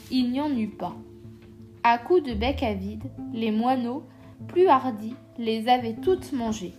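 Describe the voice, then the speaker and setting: A woman reading a children's story aloud in a gentle, measured way. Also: a little high. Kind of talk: scripted narration of a children's story. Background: soft instrumental music.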